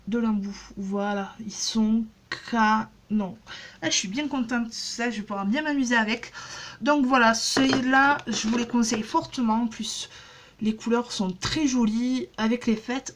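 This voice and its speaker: A woman's voice: a little high, a little hiss or hum. A woman in her thirties chatting casually in a haul vlog, rambling with many fillers and restarts. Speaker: beauty vlogger.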